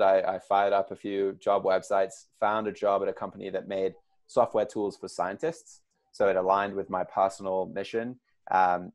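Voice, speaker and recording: Answering interview questions, this English startup co-founder in his late twenties speaks with a low voice, keeping things measured while filling pauses and starting over now and then.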